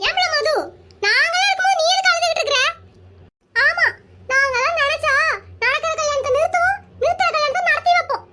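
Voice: very high-pitched, fast, long pauses, heavy background noise, pitched above the performer's own voice. A performer voicing a boastful middle-aged village woman in a comic cartoon. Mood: brash boastful. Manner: brash, bragging.

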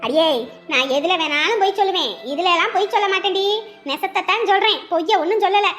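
A brash old village woman in a cartoon, mocking and bossing people around. Her voice is very high and piercing, and she calls out loudly. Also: fast talker, faint music behind. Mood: bossy. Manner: brash, mocking, then overjoyed. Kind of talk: cartoon voice acting.

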